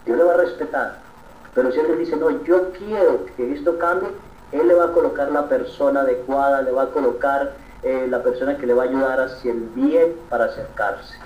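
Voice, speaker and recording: Earnest priest preaching in a roomy hall. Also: male voice, mid-range voice, brisk, a little hiss or hum. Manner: earnest preaching with repeated "¿sí?" checks. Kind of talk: sermon. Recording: roomy, distant, dull sound.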